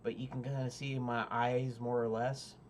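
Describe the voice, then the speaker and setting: A man's voice: mid-range voice, level tone, moderate pace, slight background noise. A man making a casual game-dev video log, explaining his setup in a rambling, hesitant way with many fillers and restarts. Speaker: indie game developer. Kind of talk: casual devlog talk to camera.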